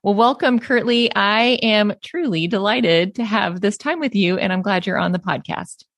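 A woman hosting a faith podcast who laughs easily and reads scripture aloud slowly and deliberately. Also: medium pitch, no room sound. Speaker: podcast host. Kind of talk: warm conversational podcast and scripture reading.

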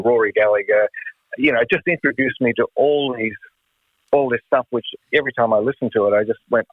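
A man's voice: mid-range voice, no echo. A man in his sixties with an Australian accent, casually reminiscing as a musician guest on a phone call. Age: 60s. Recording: narrow phone line.

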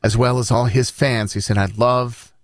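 A man's voice: mid-range voice, flat delivery, normal speed, dry recording, studio quality. A man hosting morning radio, reading news in a conversational, bantering style.

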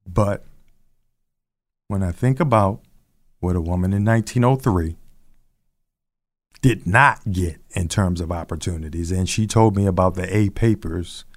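A man's voice: low voice, a little slow, long pauses. Earnest man, tearfully impassioned speech. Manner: earnest, builds from soft to impassioned. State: crying. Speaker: husband speaking on a panel. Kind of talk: emotional heartfelt speech.

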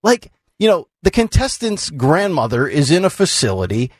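A man's voice: fairly high pitch, big pitch swings, moderate pace, husky, dry recording. A man hosting a morning talk radio show, reading out a story and then chatting it over in a rambling, self-interrupting way. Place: radio studio.

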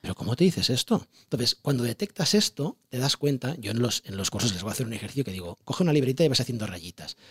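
A man with a Spain Spanish accent, talking as an author being interviewed, chatty and animated, often asking rhetorical questions. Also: medium pitch, quick pace, few pauses, husky, no echo. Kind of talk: casual explanatory interview talk.

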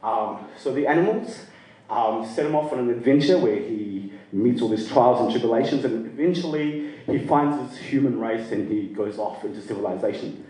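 With an expressive, warm, medium-pitched voice at normal speed, a storyteller guest recounts his own life in a casual, rambling manner, laughing readily at a live storytelling night. He was born in the UK and raised in Sri Lanka, and he's recorded off-mic from a distance with a roomy echo.

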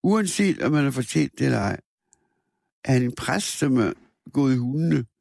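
A man reading a first-person literary story aloud in a measured, somber way, with a few small restarts. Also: medium pitch, animated, vocal fry, darkish tone, dry recording, clean studio sound. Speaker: narrator.

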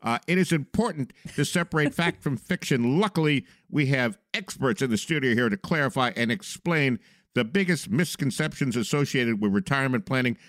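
A man's voice: mid-range voice, brisk, dry recording, clean studio sound. A man hosting a radio talk show in an upbeat, joking way. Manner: upbeat, animated, jokey.

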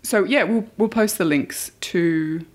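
A woman's voice: medium pitch, takes it slowly. An Australian woman hosting a podcast in a casual, chatty style. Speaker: podcast host.

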